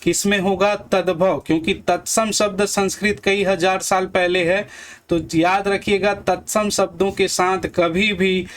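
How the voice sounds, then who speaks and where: Guy teaching hindi grammar, high voice, says each word twice and asks the class what it makes. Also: flat delivery. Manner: repeats and drills words slowly, quizzing viewers. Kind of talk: exam-prep grammar lesson.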